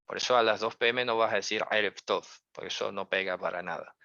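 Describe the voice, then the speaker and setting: A man gives an explanatory religious lesson in a conversational style, full of rhetorical questions and check-ins, and he carefully hedges his interpretations. His lowish voice is steady, bright, and forceful, and he talks fast. The dull, dry lo-fi recording has no room sound.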